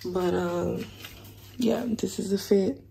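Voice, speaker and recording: A woman in her twenties with a hoarse, nearly gone voice, chatting casually to her travel vlog. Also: medium pitch, slow, warm tone, slight background noise. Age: 20s. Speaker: travel vlogger.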